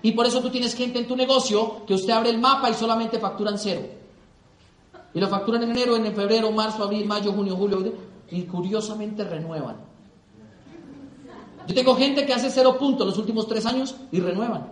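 Middle-aged Colombian man, high voice, lively stage speaker telling stories in an echoey hall. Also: normal speed. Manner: animated storytelling, acts out dialogue. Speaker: motivational speaker. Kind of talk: motivational talk to an audience.

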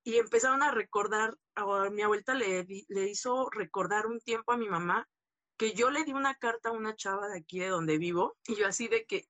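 A woman shares a personal story as an interview guest. Her voice is bright and clear, and the sound is close and dry. She talks candidly, tagging her sentences with little questions and fillers. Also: mid-range voice, a little fast, no echo.

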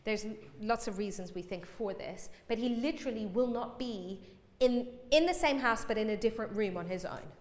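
A woman in her thirties gives a sermon in a lively, self-mocking way, acting out small scenes as she goes. Her voice sits a little high. The sound rings with the long reverb of a church hall. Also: moderate pace, hardly any pauses. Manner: animated, self-mocking, acts out quotes. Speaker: preacher.

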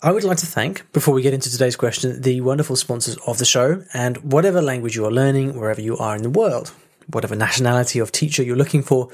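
Talking fast in a mid-range voice, a man hosts a podcast on his own. His delivery is loose and conversational, broken up by frequent fillers, restarts and small bursts of laughter.

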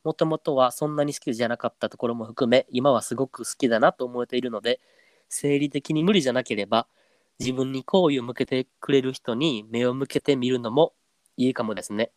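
A man's voice: medium pitch, brisk, no room sound. Easygoing Kansai man, dry close sound. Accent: Kansai Japanese. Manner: easygoing, drops into a stiff flat voice when trying standard speech. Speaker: podcast co-host. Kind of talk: casual chat and reading a listener letter aloud.

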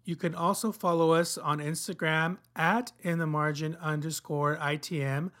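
Male announcer, slightly high voice, plain scripted outro. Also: fairly even intonation, normal speed, fairly bright tone. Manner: plain, read-aloud.

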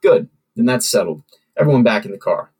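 A man voicing a commanding older mob godfather with a calm, measured menace. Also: fairly low pitch, husky. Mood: sly.

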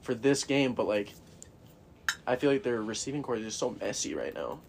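A man's voice: medium pitch, lively intonation, moderate pace, vocal fry, darkish tone, slight background noise. A young American man in a casual sports chat, talking like a frat bro with slangy bragging. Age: young adult. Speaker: podcast co-host.

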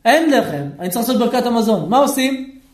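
A man, a rabbi, teaching a lively Torah lesson, questioning his listeners and acting out shouting people. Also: extremely high pitch, roomy sound. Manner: animated, asks the audience questions, acts out shouting people.

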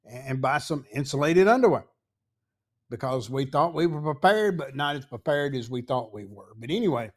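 A man in his sixties or older with a Tennessee accent, a podcast host telling a rambling, folksy story full of pauses and asides. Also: medium pitch, animated. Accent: Southern US, Tennessee. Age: 60s or older. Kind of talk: casual storytelling.

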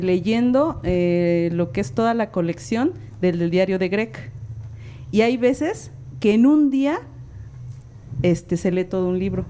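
A woman's voice: mid-range voice, a little hiss or hum. A woman with a Mexican accent, a former librarian, chatting as a guest and acting out the dialogue in her stories. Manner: lively storytelling, acts out quoted dialogue. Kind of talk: casual chat.

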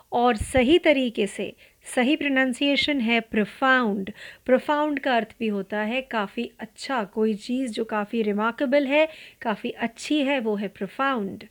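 Indian woman, pronunciation teacher, slightly high voice, unhurried drilling delivery. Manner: slow, deliberate, spells out letters and repeats words for drill. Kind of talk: pronunciation lesson, spelling words aloud.

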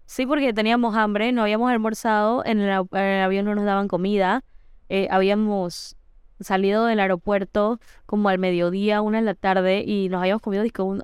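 A young woman with a Panamanian Spanish accent tells a travel story on a casual podcast. Her voice is very smooth and clear, recorded close and dry. She talks in quick bursts, often restarting her words. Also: medium pitch, no room sound. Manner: chatty storyteller, halting restarts. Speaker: podcast co-host. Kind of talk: casual chat.

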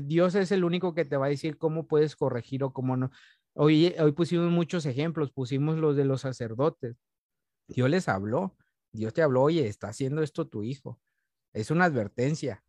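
Man, thirties, earnest rambling talk, faith podcast, fairly high voice, dry close sound. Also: a little mellow, no echo. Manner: earnest, rambling with many restarts. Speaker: podcast co-host. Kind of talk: casual faith podcast discussion.

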